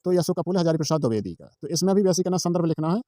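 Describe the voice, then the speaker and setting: A man's voice: on the high side, expressive, racing, dark tone, no echo, clean studio sound. A man giving an informal exam-prep tutorial. He repeats himself, asks his own questions and answers them, and points along a page line by line. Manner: walks through a page, pointing at lines.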